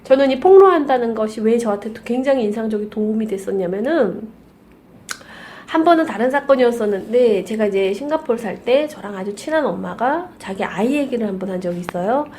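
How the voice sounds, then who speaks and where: A woman with a slightly high voice talks through ideas on a parenting radio program. Her delivery is calm and explanatory, with thoughtful pauses. A faint hiss sits under the recording. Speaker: conversation expert co-host.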